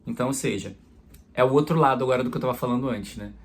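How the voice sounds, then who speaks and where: A priest delivers a homily in a relaxed, conversational way, illustrating his points with everyday examples. His voice is slightly husky and breathy, set at an ordinary male pitch. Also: very fast.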